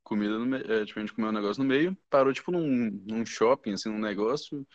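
A man's voice: lowish voice, fast, dry recording. A young man with a Brazilian Portuguese accent telling stories in a loose, rambling way as a podcast guest, full of slang fillers. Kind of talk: casual chat. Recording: dull, muffled podcast audio.

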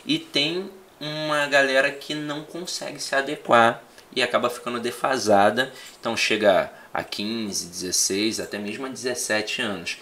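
A man who teaches for exam prep, chatting in a relaxed conversation and telling animated stories. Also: medium pitch. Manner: animated storyteller, acts out quoted students. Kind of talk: casual podcast conversation.

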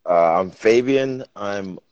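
Originally from Jamaica and raised in the Bronx, this man co-hosts a podcast, chatting casually but in a hesitant, pedantic way. His voice is on the low side and darkish, and he takes things slowly. The recording is dry, dull and lo-fi.

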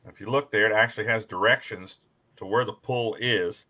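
Bright, forceful man announcing tractor pulls. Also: on the low side, fairly quick. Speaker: tractor pull show host and announcer. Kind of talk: casual live talk as a tractor pull announcer.

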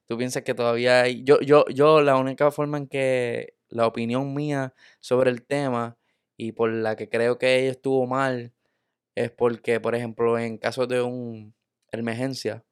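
A man from Puerto Rico asks questions in a relaxed podcast chat, restarting and repeating words as he thinks. His voice is smooth and fairly flat, recorded close and dry. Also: medium pitch, unhurried, no room sound. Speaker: podcast interviewer. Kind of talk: casual interview chat.

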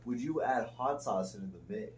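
A man's voice: medium pitch, brisk, darkish tone, slight background noise, poor audio. A man in casual banter, asking questions in a joking, teasing way.

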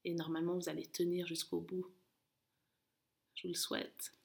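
A woman working as a running coach, guiding an interval session with urging, encouraging calls and countdowns in a creaky voice. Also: fairly low pitch, little pitch movement, moderate pace. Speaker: running coach and podcast host. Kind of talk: guided interval-training coaching. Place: at home, indoors.

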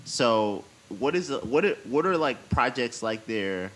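A man's voice: mid-range voice, expressive, measured pace, fairly bright tone. A man hosting a podcast interview, talking in a loose, blunt way and swearing freely. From United States. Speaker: podcast host. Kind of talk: casual conversational interview.

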